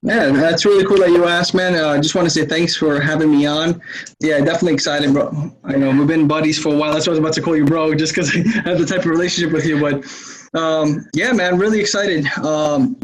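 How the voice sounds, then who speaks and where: A man's voice: on the high side, steady tone, brisk, low-quality recording. A man from Russia, a podcast guest, telling his story casually with lots of "man" and "like". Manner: casual, loose, fills with man and like. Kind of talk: casual interview chat.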